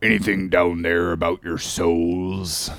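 A ragged old sailor with a low, heavily gravelly growl. He mutters dark, cryptic warnings and now and then flares into a shout. The voice sits close and dry, with no room around it. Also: little pitch movement, slow pace, dry recording, exaggerated voice. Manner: cryptic, brooding, sometimes bursts out shouting. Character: ragged, ominous old male sailor prophet. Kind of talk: audiobook drama acting.

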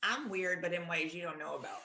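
A woman's voice: on the low side, a little fast, sharp tone. A woman, an adult daughter, trading dry, wry comebacks with her mother in a casual family chat. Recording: roomy echo.

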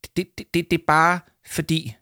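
A man's voice: on the low side, darkish tone, no room sound, clean studio sound, natural voice. A man voicing a nervous, stammering schoolboy in a children's audiobook. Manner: stammering, hesitant.

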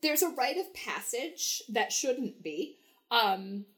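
A woman's voice: on the high side, sing-song, takes it slowly, a bit bright. A young woman telling a story as a podcast guest, chatty, with many fillers and frequent laughs. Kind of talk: casual storytelling.

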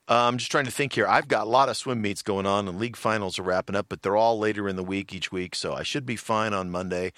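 A man's voice: fairly low pitch, fast talker, few pauses, a bit bright, dry recording, studio quality. A man co-hosting a podcast in casual chat, rambling with many fillers and frequent laughs. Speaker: podcast co-host.

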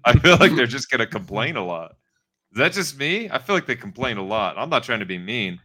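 A man's voice: medium pitch, big pitch swings, fairly quick, bright, forceful tone. A man bantering casually as a podcast co-host in a slangy frat-bro manner. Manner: slangy frat-bro talk, full of "dude" and "bro".

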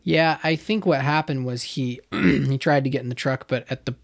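A speaker telling a story in casual conversation, lively, with frequent fillers and laughs. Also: medium pitch, moderate pace, vocal fry.

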